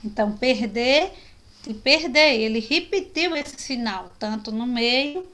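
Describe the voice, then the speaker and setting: A woman's voice: a little high, lively intonation, measured pace, fairly bright tone. A woman from teaching an online sign language class over a video call, explaining patiently and often ending phrases with a questioning tag. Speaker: sign language course instructor.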